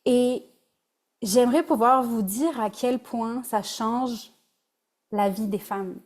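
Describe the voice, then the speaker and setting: Slow-paced and a little mellow, this woman's slightly high voice carries a Québécois French accent. She coaches on relationships in a casual, conversational webinar, adding English words as she goes.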